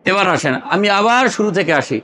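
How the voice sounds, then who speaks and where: A man's voice: sits high, animated, fast talker, crowd noise. A man from Bangladesh teaching Quran recitation to a class, asking questions again and again, prompting the group to answer aloud and drilling terms in chanted repetition. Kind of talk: call-and-response classroom teaching.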